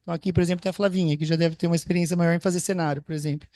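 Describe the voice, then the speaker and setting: A man's voice: a little high, steady tone, racing, dark tone, no room sound. A male anesthesiologist and teacher speaking on a case discussion panel, thinking aloud with restarts and acted-out examples. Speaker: anesthesiology physician educator.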